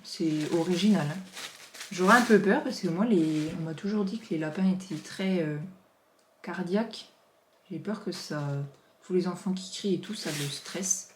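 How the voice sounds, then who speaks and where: A woman in her thirties chats through an unboxing, warm with exclamations and easy asides. Her voice sits a touch low. The room around her rings with a noticeable echo. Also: slight background noise. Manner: gushing, chatty, lots of exclamations. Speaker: vlogger. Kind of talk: casual unboxing chat. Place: home office. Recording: roomy echo.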